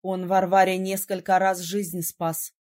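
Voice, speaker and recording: A woman reading an audiobook, voicing a stern, powerful young male prince mage in a low, grave voice. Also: little pitch movement, measured pace, a little mellow, close to an everyday voice.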